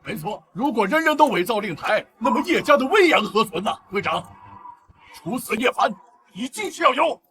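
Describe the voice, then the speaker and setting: An eager, fawning hanger-on in a short drama, backing the accusers. His voice is high and lively. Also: moderate pace, full character voice. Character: fawning hanger-on who eggs on the boss.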